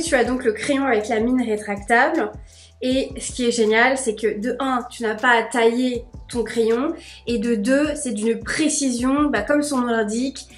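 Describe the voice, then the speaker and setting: A woman's voice: a little high, roomy sound. A young woman vlogging in a casual, bubbly, gushing way, chatting straight to camera. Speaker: beauty vlogger.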